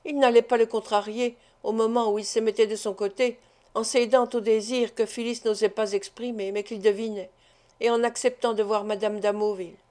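A woman's voice: a little high, steady tone, a little fast, dark tone. A woman narrating a classic novel as an audiobook reader, reading expressively.

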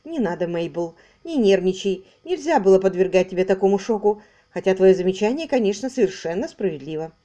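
Woman voicing mild soothing husband, placating, mellow, audiobook. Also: medium pitch, expressive, brisk, few pauses, muffled recording, lightly acted.

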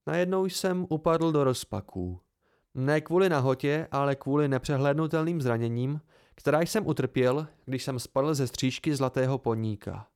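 Male amateur audiobook narrator, calm and steady, mid pitch. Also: clean tone. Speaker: audiobook reader.

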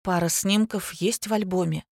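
A woman reader voicing a timid, polite young girl who speaks softly and in a hurry. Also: lowish voice, steady tone, vocal fry, dry recording, studio quality. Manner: soft and hurried.

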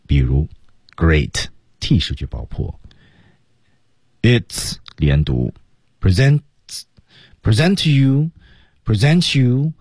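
A man teaching English on a radio program, explaining pronunciation step by step and drilling words slowly. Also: fairly low pitch, lively intonation, darkish tone, husky, no room sound, studio quality. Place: radio studio.

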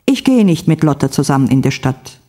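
A woman reading the part of a jealous wife, vain about her taste and quick to protest. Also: low voice, big pitch swings, warm tone. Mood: sulky. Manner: indignant, exclamatory.

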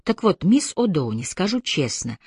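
A woman reading an audiobook voices a reserved male police detective, quiet and measured. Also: fairly low pitch, very animated, slightly rough, no echo, studio quality, heavily acted. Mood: restrained.

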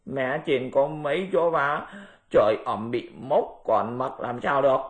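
A man's voice: mid-range voice, unhurried, lightly acted. A man voicing a lazy, sly pig-monk disciple who grumbles and schemes. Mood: grumbling.

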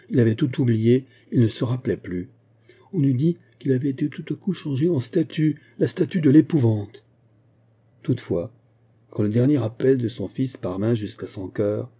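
A man reading a nineteenth-century novella aloud in a steady, literary way. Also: on the low side, breathy edge. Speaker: audiobook reader. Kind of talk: scripted narration.

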